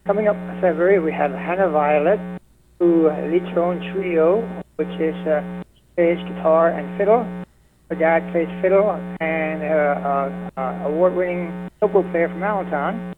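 A man speaking over the phone as a guest on a radio show, friendly and unhurried, listing things off with fillers. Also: fairly high pitch. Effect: heard over the phone. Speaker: folk music society representative, radio guest. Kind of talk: casual radio interview. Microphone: telephone. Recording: tinny phone line with hum.

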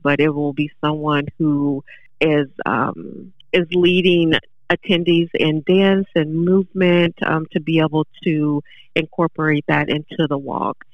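Woman on the phone, pausing with fillers. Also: deep voice, no room sound, highs cut off. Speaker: library director guest.

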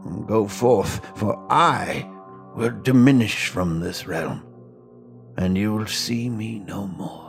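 A man voicing a wise old mentor, speaking in a solemn, halting, drawn-out way in a fantasy farewell scene. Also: lowish voice, creaky, soft background music. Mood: solemn, tender.

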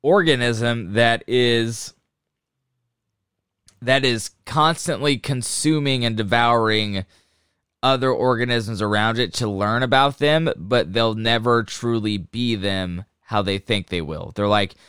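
A man talks in loose, frat-bro slang with plenty of swearing. His voice is crisp and bright, recorded dry and close. He chats casually and reacts like someone easily amazed. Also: medium pitch, slow, no echo. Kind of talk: casual chat about books and hypotheticals.

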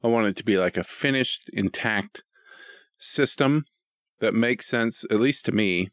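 A middle-aged American man co-hosts a podcast, his lowish, slightly bright voice moving a little slowly as he rambles in casual chat. He's self-deprecating and swears easily. The studio-quality recording has no room sound.

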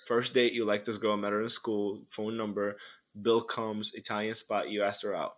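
A man's voice: lowish voice, little pitch movement, normal speed, a bit bright. A young man co-hosting a podcast, asking questions and teasing his friend with laughter. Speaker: podcast co-host. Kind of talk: casual podcast banter.

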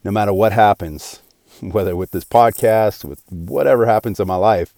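A man's voice: on the low side, normal speed, a little mellow, no echo, studio quality. A man in his forties hosting his own podcast, talking alone in an earnest, rambling way with many restarts. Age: 40s. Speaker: podcast host. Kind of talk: casual solo podcast monologue.

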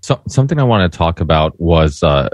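Man, very low voice, dry close sound, podcast host, earnest, rambling with restarts. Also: big pitch swings, brisk, darkish tone, dry recording. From Portugal. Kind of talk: casual panel discussion.

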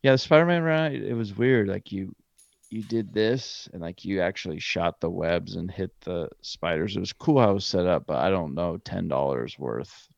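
This podcast co-host's gravelly, very low voice carries a loose, chatty account of a trip, and he keeps pausing to fix what he just said. There's no room sound, and the audio has the slightly dull, dry quality of a cheap home microphone.

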